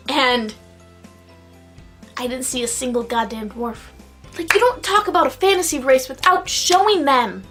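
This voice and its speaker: A woman's voice: high voice, fairly bright tone. A tipsy woman vlogger giving a casual, sweary review in a rambling, exclamatory way, stretching out stressed words. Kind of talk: casual, profane video review.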